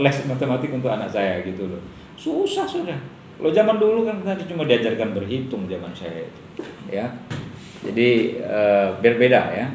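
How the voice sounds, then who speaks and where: A man's voice: on the high side, a little mellow. Middle-aged male lecturer, casual and joking, tosses rhetorical questions to the class; roomy room, faint noise. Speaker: university lecturer.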